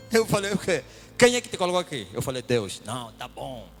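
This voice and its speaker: A man preaching a testimony sermon, swinging from loud shouted praise to hushed whispers. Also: mid-range voice, big pitch swings, normal speed, faint music behind.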